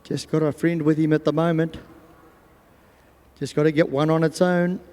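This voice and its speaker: A man with an Australian accent announces live sport in a folksy, chatty manner. His voice sits a little high and rings with long reverb from the stadium loudspeakers. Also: flat delivery, normal speed. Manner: folksy, voices imagined thoughts of riders and animals. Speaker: arena announcer. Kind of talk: live sport commentary over public address. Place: large show arena over loudspeakers.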